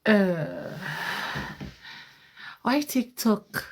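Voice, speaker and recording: Woman livestream host, unhurried, mid-pitched, chatty, drifts between English and French, laughs easily, phone mic at home. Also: big pitch swings, a little mellow, slightly rough. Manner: switches between English and French, repeats words, laughs often. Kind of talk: casual livestream chat. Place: home, at night.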